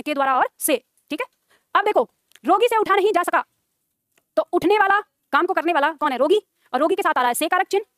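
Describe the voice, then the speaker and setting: A woman teaching a grammar class online, brisk and coaxing, quizzing her students and checking that they follow. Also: very high-pitched, a bit bright, no echo, clean studio sound.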